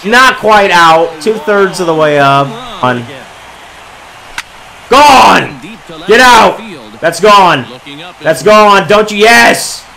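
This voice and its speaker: A man giving excitable gameplay commentary, calling home runs like a sportscaster as he plays. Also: sits high, extremely slow, vocal fry, long pauses, poor audio. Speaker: gaming video creator.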